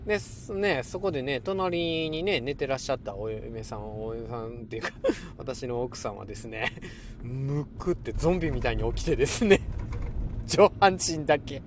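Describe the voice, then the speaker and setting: A man's voice: medium pitch, normal speed, slight background noise. A man in his forties with a Kansai accent, hosting a casual solo podcast, chatty and often laughing. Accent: Kansai Japanese. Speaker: podcast host.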